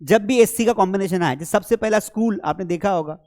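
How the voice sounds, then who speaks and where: A man teaching an English spelling lesson, lively and chatty, asking and answering his own questions as he explains. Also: sits high, quick pace.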